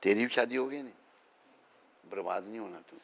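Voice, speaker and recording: A man's voice: on the low side, fairly quick, vocal fry, a little hiss or hum. A man, a swami, giving an informal spiritual talk to devotees, chatty and teasing, often asking if he is right.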